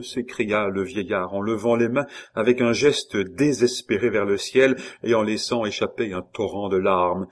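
A man narrating a classic novel in a measured, expressive reading. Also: low voice. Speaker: audiobook narrator.

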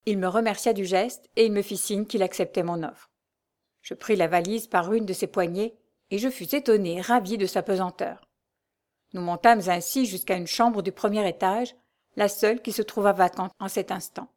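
A woman's voice: mid-range voice, moderate pace, a little mellow. Woman reading a classic novel aloud. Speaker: audiobook reader.

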